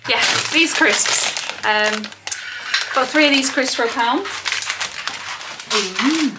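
A British woman talks to camera in a relaxed haul vlog, her voice sitting a little high. She rambles along with plenty of ums and sounds slightly out of breath. A clear hiss of background noise and small clicks run under her voice. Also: slow pace. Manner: chatty, rambling, many ums. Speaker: haul vlogger. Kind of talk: casual chat to camera.

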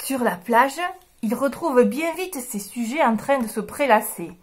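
High-voiced woman reading to children. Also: a little hiss or hum. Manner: expressive, drawn-out storytelling. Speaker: reading workshop host. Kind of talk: reading a children's picture book aloud.

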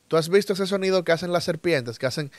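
A man whose first language is Spanish, teaching a lesson and repeating each word slowly and firmly for his students. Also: fairly high pitch. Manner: repeats words slowly and emphatically for learners. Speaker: English teacher. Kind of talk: slow, drilled language lesson.

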